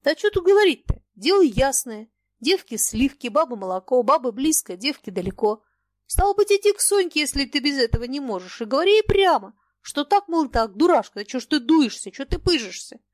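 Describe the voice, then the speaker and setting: Shrill scolding old merchant, as a woman puts him on. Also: big pitch swings, fairly quick, no room sound. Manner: wheedling, mocking, shrieking.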